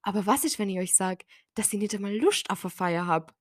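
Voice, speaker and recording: Woman in her twenties, casual podcast host, chatty, mid pitch, dry close sound. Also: brisk, no echo. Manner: chatty, acts out conversations in quoted voices. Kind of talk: casual solo podcast monologue.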